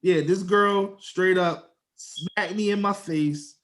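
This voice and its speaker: Young male co-host, high voice, animated slangy storyteller. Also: takes it slowly. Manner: animated storyteller, slangy, acts out quotes in a raised voice. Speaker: podcast co-host. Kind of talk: casual storytelling chat.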